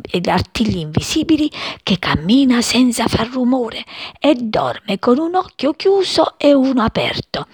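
A woman's voice: a little high, husky, no echo, voice pushed up, full character voice. A woman voicing a caring, protective mother bird speaking earnestly to her chicks.

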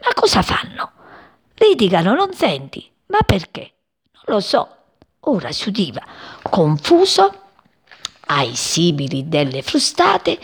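Gravelly, animated woman reading a story. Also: on the low side. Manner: expressive, voicing many characters. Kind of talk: storybook read-aloud.

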